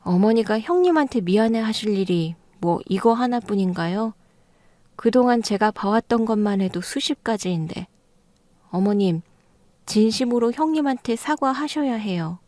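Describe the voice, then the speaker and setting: A woman's voice: on the high side, lively intonation, normal speed, dark tone, dry recording, natural voice. Woman voicing a blunt younger daughter-in-law. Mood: pressing. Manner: insistent, reproachful. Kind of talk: audio drama reading.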